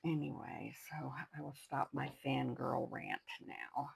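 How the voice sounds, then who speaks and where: A woman's voice: extremely low pitch, lively intonation, a little slow, darkish tone, low-quality recording. An older woman hosting a craft video, chatting casually and rambling to herself as she works. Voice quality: gravelly, husky. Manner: chatty, rambling, talks to herself while working. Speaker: craft channel host.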